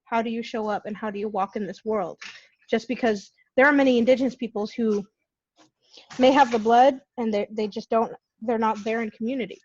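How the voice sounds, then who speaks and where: A woman from California talking casually in an online Q&A, animated and quick to laugh while she tells stories. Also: a little high, muffled recording. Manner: animated storytelling, laughs often. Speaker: guest speaker. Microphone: video call.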